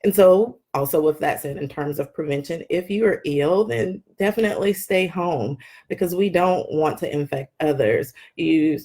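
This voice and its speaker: A woman doctor giving a live health update from her wellness clinic, calm and explanatory, often pausing with um. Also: low-pitched, husky. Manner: calm, explanatory, with frequent ums.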